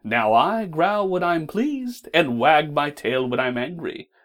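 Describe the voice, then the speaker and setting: A woman voicing a grinning, sly male cat in a storybook reading, speaking slowly and loudly with a drawn-out, teasing delivery. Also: deep voice, expressive, voice pushed down. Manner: slow, drawn-out and loud.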